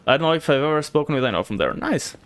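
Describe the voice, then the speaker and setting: Very fast and lively, this man speaks on the high side with a fairly bright tone and a light Bulgarian accent. As a streamer from Bulgaria, he banters casually with viewers and voices his thoughts mid-game.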